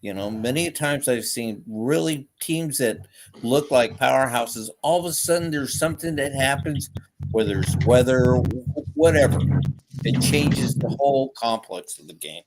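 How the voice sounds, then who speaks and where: A man's voice: mid-range voice, darkish tone. Older man reminiscing at length. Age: 70s. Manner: reminiscing, drawn-out storytelling. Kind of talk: casual sports chat.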